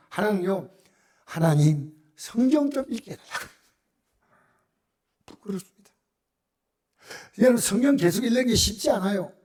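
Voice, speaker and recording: A middle-aged man with a Gyeongsang accent preaching a sermon as a pastor in a church, swinging between loud cries and near-whispers. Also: very high voice. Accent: Gyeongsang Korean. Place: church sanctuary.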